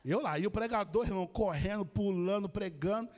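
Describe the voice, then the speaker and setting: Brazilian guy preaching, high voice, big church hall echo, really animated storytelling. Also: brisk. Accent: Brazilian Portuguese. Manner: animated storytelling, addresses the congregation. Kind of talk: sermon.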